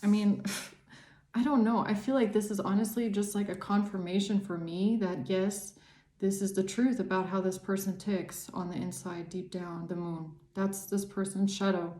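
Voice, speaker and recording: Her voice is medium in pitch and warm, with fairly even intonation and a moderate pace, as she, a tarot reader and psychic channeller, delivers a casual reading to camera. She talks earnestly, wanders off on tangents, and often repeats words for emphasis, in an echoey room.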